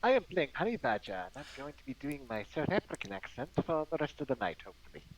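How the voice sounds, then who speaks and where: A man playing in a tabletop game, upbeat and animated as he describes his character. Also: fairly high pitch, fast talker, a little hiss or hum, rough recording. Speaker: player. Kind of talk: casual tabletop game chat.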